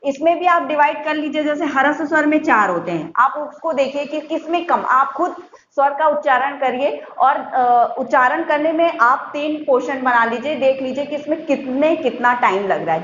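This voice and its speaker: High-voiced woman teaching grammar patiently. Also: fairly bright tone. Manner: patient, repeats points and sounds out examples slowly. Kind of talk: Hindi grammar lesson for schoolchildren. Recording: muffled echoey room with faint hiss.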